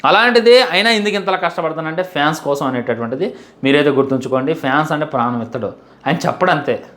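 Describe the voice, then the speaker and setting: A young man delivers a heartfelt fan monologue, stacking up repeated phrases and pleading with the audience. His voice sits a little higher than most men's. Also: expressive, fast, fairly bright tone. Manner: emphatic, repetitive, pleading. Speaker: fan commentator.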